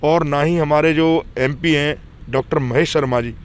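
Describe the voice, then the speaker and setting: A man's voice: fairly high pitch, steady tone, normal speed, smooth. A man being interviewed on the street, a farmer speaking earnestly about his grievances. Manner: earnest, complaining.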